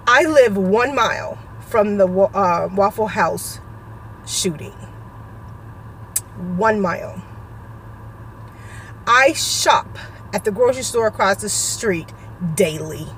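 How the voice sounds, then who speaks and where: A middle-aged woman vlogger giving a halting, emotional personal update, close to tears. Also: mid-range voice, animated, fairly bright tone, slight background noise. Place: suburban home.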